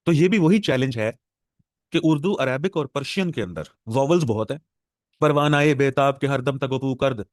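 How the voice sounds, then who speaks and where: A man with a Pakistani Urdu accent gives a classroom lecture on translation at a measured, patient pace. He drills words by repeating them slowly, and his voice sits at a middle pitch. The sound is dry and close, with no room echo. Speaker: English professor lecturing exam aspirants.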